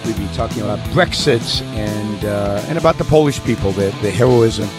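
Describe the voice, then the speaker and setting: A man's voice: lowish voice, normal speed, over music. Earnest Israeli-born radio host, man. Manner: earnest, with many restarts and fillers. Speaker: radio talk show host. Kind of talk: call-in radio talk.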